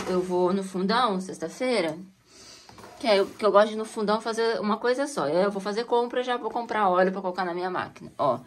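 Indoors in a cold stone house basement, a woman records a casual home tour on a handheld phone camera, talking to viewers and pointing out features as she walks. She speaks with a medium-pitched voice, and slight background noise is present.

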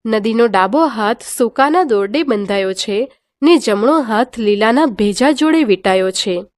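A woman reading a children's story aloud in a lively, sing-song way, sounding out playful sound words. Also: fairly high pitch, unhurried, no echo, clean studio sound. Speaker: teacher reading a textbook story.

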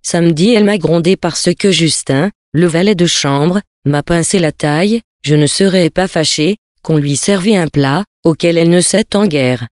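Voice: medium pitch, moderate pace, hardly any pauses, darkish tone, no echo, clean studio sound, close to an everyday voice. A cheeky young chambermaid, as a reader puts her on. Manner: brazen, gossipy.

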